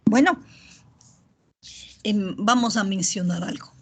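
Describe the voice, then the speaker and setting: A middle-aged woman teaching an online biochemistry class, often pausing to ask students if they follow. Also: mid-range voice, noisy background. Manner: checks in often with "¿ya?" and "¿verdad?"; steady explanatory pace with filler pauses. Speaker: university lecturer.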